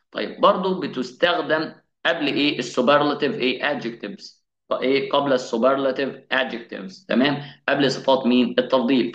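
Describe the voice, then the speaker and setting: A man with an Egyptian Arabic accent gives a classroom-style English grammar lesson. He poses questions to his students and answers them himself, slowing down to sound out each English example. His voice rings in an echoey room and sounds slightly dull and muffled. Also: medium pitch, a bit bright. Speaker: English teacher.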